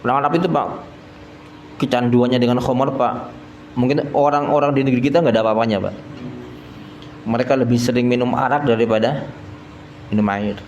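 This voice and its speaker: In an echoey prayer hall with faint background noise, an East Javanese religious teacher delivers a folksy study sermon, addressing listeners as "sir" and chuckling at his own humor. His mid-range voice is a little mellow with fairly even intonation, and he talks a little fast while pausing often.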